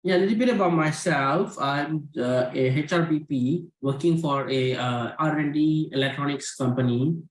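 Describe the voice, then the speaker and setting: A man's voice: fairly high pitch, moderate pace, hardly any pauses, echoey room, low-quality recording. A man guest on an online panel chat, talking in a friendly, easygoing way with fillers. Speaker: panel guest, HR business partner.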